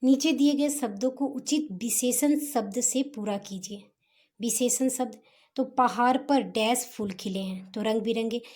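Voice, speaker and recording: Mellow-voiced woman teaching a lesson. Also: fairly high pitch. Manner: patient, explains slowly with Hindi-English mix. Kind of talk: homework explanation lesson.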